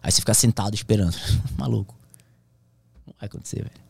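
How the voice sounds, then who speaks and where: A man's voice: lowish voice, quick pace, vocal fry, a little mellow, slightly rough, dry recording. A man, a pilot who is a podcast guest, telling his survival story in a slangy, intense way that sometimes drops to a whisper. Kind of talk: emotional storytelling in casual conversation.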